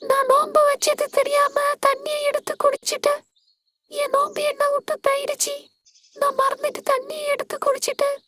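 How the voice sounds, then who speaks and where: A woman voicing a young schoolboy who is worried and tearful about breaking his fast. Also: extremely high pitch, steady tone, background noise.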